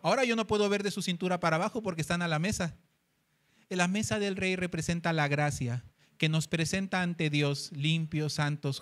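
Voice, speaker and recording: A man with a Mexican Spanish accent preaching a sermon, acting out dialogue with lively voices and sometimes singing a hymn. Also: fairly high pitch. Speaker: pastor. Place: church meeting hall.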